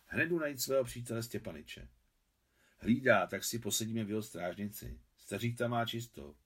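A man's voice: on the low side, a bit bright, slightly rough. A man reading an eager male professor. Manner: eager and pleading.

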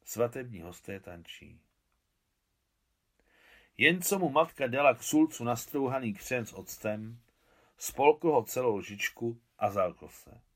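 A man reading his own translation of a novel aloud, measured and expressive. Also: medium pitch. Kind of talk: literary reading.

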